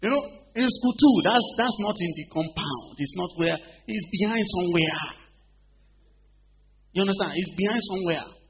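Man preaching, high-pitched, keeps checking the congregation is with him, swings from loud to hushed; lo-fi humming recording. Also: normal speed. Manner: call-and-response questions to the congregation; swings between loud emphatic bursts and quiet storytelling. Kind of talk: sermon. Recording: dull lo-fi recording with faint hum.

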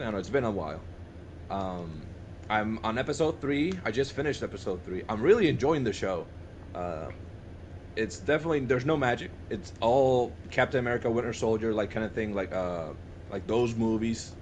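With a fairly low, expressive voice, this young podcast co-host talks quickly and enthusiastically in a relaxed chat among friends. He keeps circling back and repeating himself mid-thought, and there's slight background noise.

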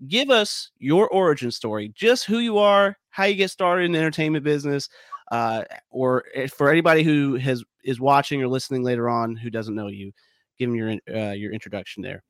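This male podcast host is recovering from a cold and sounds a little sniffly, yet he keeps the casual chat upbeat and peppered with ums and uhs. He speaks briskly in a mid-range voice, captured as a dry, clean studio recording.

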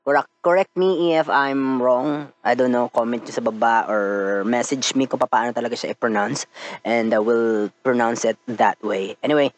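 A man's voice: medium pitch, normal speed. A man with a Filipino accent hosting a podcast in casual chat, a bit stuffy from a cold, laughing often and mixing in English. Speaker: podcast host.

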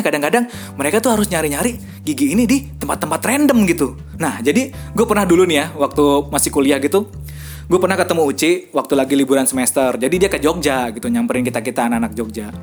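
A young man with doing a stand-up set, telling stories and acting out other people's lines. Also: on the high side. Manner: animated, acts out dialogue in quick voices. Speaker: stand-up comedian. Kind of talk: stand-up storytelling.

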